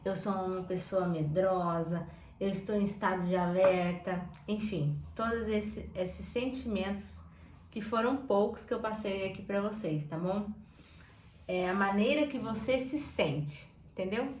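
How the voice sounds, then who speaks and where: A woman with a Brazilian Portuguese accent coaching viewers on their emotions, lively and talking straight to them, acting out everyday examples. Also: mid-range voice, measured pace. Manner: animated, acts out examples and talks straight to viewers. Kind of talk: informal teaching talk to camera. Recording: echoey room with faint background noise.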